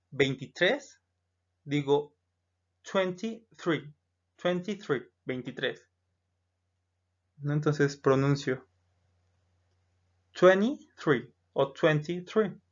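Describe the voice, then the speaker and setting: Mexican english teacher, talks slow and careful, repeats every word, slightly dull lo-fi sound. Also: medium pitch, steady tone. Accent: Mexican Spanish. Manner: patient, modeling each word aloud and repeating it; explanatory, with frequent "eh" and "¿no?" checks. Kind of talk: recorded online lesson.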